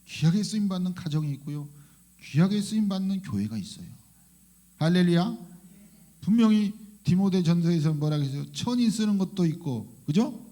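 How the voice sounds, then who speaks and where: A high-pitched man preaches to a church congregation. His delivery is fervent and animated. He keeps calling out hallelujah and putting questions to the people in front of him. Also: moderate pace. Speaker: pastor. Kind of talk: sermon. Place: church sanctuary.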